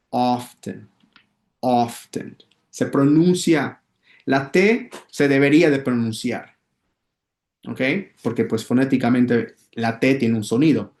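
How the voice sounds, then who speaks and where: A man teaching English in a casual video lesson, often checking in with his viewers and repeating words slowly so they can practice. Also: medium pitch, a little mellow, echoey room. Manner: addresses viewers as "muchachos", checks in with "ok?".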